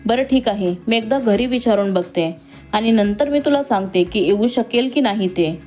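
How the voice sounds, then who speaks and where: A modest young woman from a humble home who speaks softly and hesitates before she answers, as a woman reading the story puts her on. The voice is fairly high, and music plays faintly behind. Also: normal speed, close to an everyday voice. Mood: hesitant. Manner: hesitant, soft-spoken. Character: shy modest young woman from a poor family.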